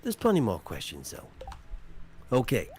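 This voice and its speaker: Lively, teasing man hosting a quiz. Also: medium pitch, normal speed, slight background noise. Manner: playful, teasing, jokey asides. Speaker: quiz host on a game stream. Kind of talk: casual live-stream quiz hosting.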